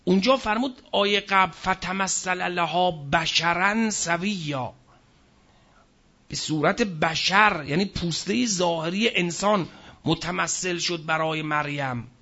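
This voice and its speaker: A man with a high-pitched, gravelly voice gives a scripture lecture, slowing down to recite verses before explaining them. His tone is bright and a little husky, and he often asks the audience a question and then answers it. The recording sounds muffled and lo-fi. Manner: recites Arabic verses slowly, then explains in plain speech. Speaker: preacher. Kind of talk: Quranic exegesis lecture.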